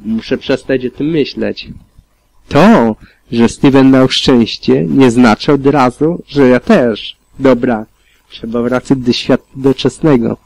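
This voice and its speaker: A man reading a fan fiction audiobook aloud in a calm, steady manner with occasional slips. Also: medium pitch, slow pace, creaky, dry recording, poor audio. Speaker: audiobook reader.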